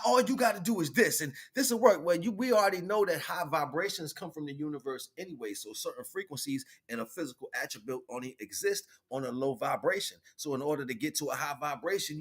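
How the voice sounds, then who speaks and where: A man with a mid-range voice, a spirituality vlogger and livestream host, delivers a rambling, informal spiritual monologue. He preaches animatedly, repeating phrases and checking in with listeners in slangy asides.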